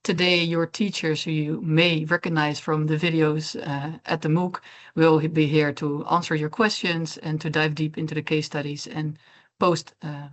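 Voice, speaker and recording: A woman's voice: low-pitched, flat delivery, normal speed. A young woman, the course moderator, opening a video-call webinar in a friendly, informal way with fillers. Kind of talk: hosting a webinar.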